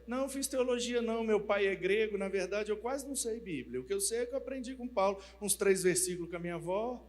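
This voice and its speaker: A preacher doing a meek young pastor. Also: male voice, sits high, animated, fast talker. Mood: earnest. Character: young timid male pastor, newly sent. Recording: reverberant church hall.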